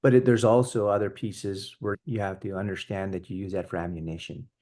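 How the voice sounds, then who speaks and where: An earnest man with a fairly low voice talks in a relaxed, conversational way. He keeps circling back and restarting his sentences as he tells a story. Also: fairly quick. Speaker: podcast co-host. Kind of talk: casual conversation.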